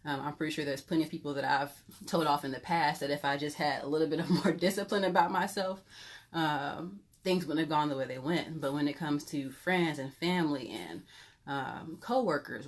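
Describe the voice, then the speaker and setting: A woman pastor giving an informal Bible teaching, talking conversationally with many fillers and candid personal stories. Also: sits low. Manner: conversational, filler-heavy, candid and self-revealing.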